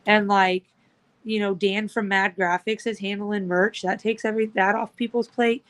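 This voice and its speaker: A woman's voice: medium pitch, flat delivery, moderate pace, fairly bright tone. Brief: woman, mid-range voice, casual chatty guest, rambling and upbeat. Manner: rambling, filler-heavy, upbeat. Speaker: guest, supporters' group organizer. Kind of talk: casual chat.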